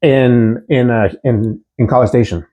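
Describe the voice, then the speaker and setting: A man's voice: medium pitch, steady tone, a little slow, mellow. A man from Houston, originally from Mexico, chatting casually as an interview guest, easygoing with many restarts. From Mexico, raised in Houston, Texas.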